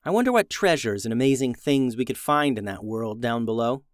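A man's voice: mid-range voice, animated, fairly quick, clean tone, no echo, clean studio sound, natural voice. A man voicing a thoughtful orphan prince in a storybook, musing aloud.

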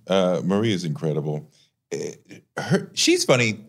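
A man's voice: low-pitched, wildly swooping pitch, a little slow. A man speaking as an interviewer in a casual, conversational style.

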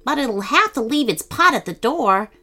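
Chirpy little Christmas elves, as a woman reading a storybook puts them on, speaking in high-pitched, chirping voices. Soft music plays behind them. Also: animated, moderate pace, full character voice.

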